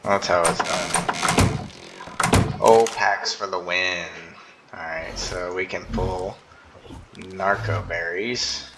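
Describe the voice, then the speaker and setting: A tired man rambles through casual gameplay commentary in a deep, gravelly voice. He talks slowly, filling gaps with ums and yawns. There is a steady hiss of noise behind him. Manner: laid-back, rambling with many ums. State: tired and yawning. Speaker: gaming YouTuber.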